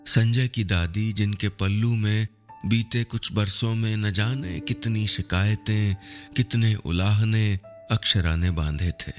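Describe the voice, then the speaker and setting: A middle-aged man narrating a scripted story in a soft, measured, unhurried way. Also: lowish voice, soft background music.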